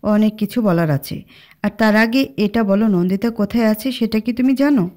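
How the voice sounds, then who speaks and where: A woman's voice: medium pitch, normal speed, a little mellow, close to an everyday voice. A woman voicing an eager young man in a spoken storybook, earnest and urgent.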